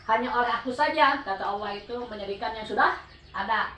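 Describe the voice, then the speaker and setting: High-voiced woman teaching, Sundanese accent. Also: quick pace, bright, forceful tone, a little hiss or hum. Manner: explains patiently, often asks listeners for answers. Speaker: religious teacher. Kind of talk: Quran study talk to a women's group. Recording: echoey room, voice heard from a distance.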